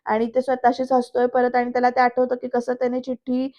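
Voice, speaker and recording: Chatty woman doing a voice-over show review, talks right to viewers, high voice, kinda dull audio. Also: completely flat delivery, fairly quick, dark tone. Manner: chatty, addresses the viewers directly. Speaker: serial reviewer. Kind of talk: voice-over episode review narration.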